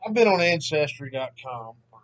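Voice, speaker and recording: Sitting at home, this Mississippi-born history channel host in his 30s talks through a casual vlog, relaxed and wandering, often poking fun at himself. He speaks at a normal speed in a higher-leaning voice, though the audio quality is poor.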